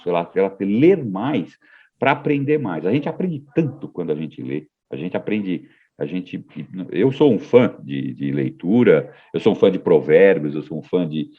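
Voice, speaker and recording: A man talking on a podcast in a low, husky voice that swings widely in pitch. He thinks aloud, hesitating and restarting his sentences. The recording sounds dull and lo-fi. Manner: reflective, hesitant with repeated restarts. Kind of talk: casual podcast conversation.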